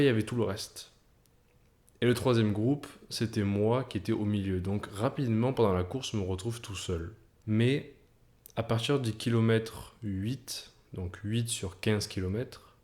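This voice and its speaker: Guy with a lowish voice talking right at you, telling a story, motivational vibe, repeats stuff for effect. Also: a little mellow. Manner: addresses the viewer personally, builds tension with repetition. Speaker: video creator. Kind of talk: direct-to-camera motivational storytelling.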